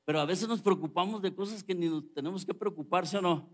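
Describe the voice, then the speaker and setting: A man's voice: high-pitched, fast talker. A middle-aged man preaching a sermon as pastor, conversational and joking with the congregation.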